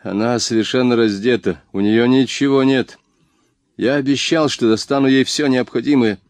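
A man's voice: mid-range voice, fairly even intonation, moderate pace, a little mellow, no echo, lightly acted. A man reading the lines of a shy, hapless young man who stumbles over his words in an audiobook. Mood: sheepish. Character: timid, hapless young man posing as a robber.

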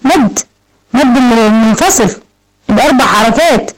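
An Egyptian woman teaching Quran recitation, giving quick, encouraging corrections and slowly drawing out example words. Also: on the high side, low-quality recording. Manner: quick, encouraging corrections with slow drawn-out demonstrations. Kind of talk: online recitation lesson, correcting a student.

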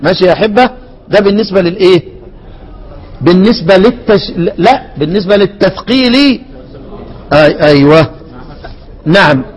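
Egyptian sheikh guy teaching recitation, high voice, keeps asking the class questions and drilling the words. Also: animated, normal speed, pauses often, husky, low-quality recording. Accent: Egyptian Arabic. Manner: repeats and drills word forms. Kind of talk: classroom lecture.

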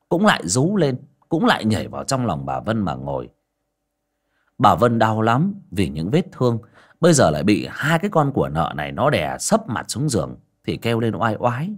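Man narrating a comic story. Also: lowish voice. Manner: colloquial, earthy, comic. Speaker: audiobook narrator.

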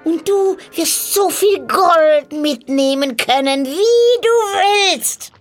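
A shrill cackling old witch. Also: expressive, slow, faint music behind, exaggerated voice. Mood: sly. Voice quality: croaking. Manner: wheedling, cackling, sudden shrill rises. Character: ugly old female witch, sly and cackling.

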